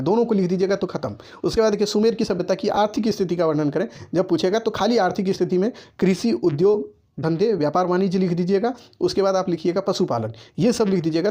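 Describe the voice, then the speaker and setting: A high, dark-toned male voice delivers an exam-oriented history lecture. He speaks straight to the students, gives instructions on what to write, and returns again and again to "ठीक है."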